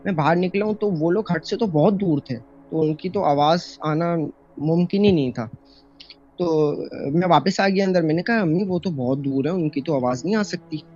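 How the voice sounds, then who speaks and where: A young man from Pakistan recounts a horror experience he lived through, in a casual, wandering way packed with fillers and restarts. His voice is fairly high with a darkish tone at normal speed. The phone voice note sounds dull and lo-fi, with faint music and slight background noise.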